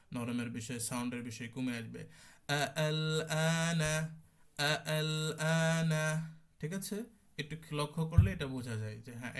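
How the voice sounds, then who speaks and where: Young male tajweed teacher, fairly high voice, patient and repetitive, models each sound slowly. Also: fairly bright tone. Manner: explains slowly, drawing out and repeating sample sounds; asks and answers his own questions. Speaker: Quran recitation teacher. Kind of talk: online tajweed class.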